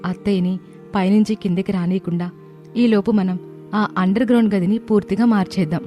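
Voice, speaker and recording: A young woman voicing a kind, earnest daughter-in-law in an animated family story. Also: medium pitch, a little fast, soft background music, natural voice. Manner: earnest, warm-hearted speaking. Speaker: voice actor.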